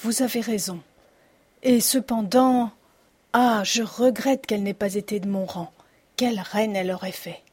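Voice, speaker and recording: A woman's voice: medium pitch, a little slow, darkish tone, breathy edge. A woman voicing an impatient, anxious king in an audiobook. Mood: wistful. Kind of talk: audiobook reading.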